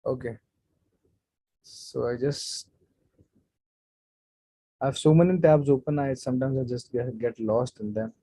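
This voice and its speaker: A man's voice: medium pitch, steady tone, measured pace, pauses often, warm tone, husky, no room sound. A man, speaking casually as a guest speaker in a live online session and answering questions from the chat. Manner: casual, chatty, off-the-cuff advice.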